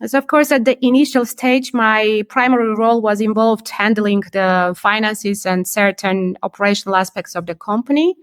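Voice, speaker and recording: Woman, measured and thoughtful. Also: medium pitch, fairly even intonation, clean tone, no room sound. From Armenia. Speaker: podcast guest, company CEO. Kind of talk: remote podcast interview.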